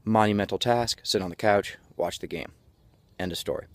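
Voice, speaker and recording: A man's voice: on the low side, moderate pace, no echo. A man delivering a halftime pep speech as a motivational coach, breathless from exertion and talking in a folksy, jokey way. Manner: breathless from exertion while walking; folksy, jokey self-narration in the third person.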